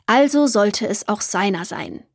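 A woman voicing a kindly, jovial old grandfather in a children's audiobook, in a warm storytelling manner. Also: mid-range voice, animated, a little slow, gravelly, breathy edge, no echo, clean studio sound, heavily acted.

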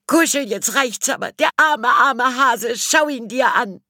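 A woman's voice: a little high, slow pace, fairly bright tone, no room sound, studio quality, voice pushed up. A woman voicing a hysterical young girl in an audiobook, shrieking and wailing. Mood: shrill distraught.

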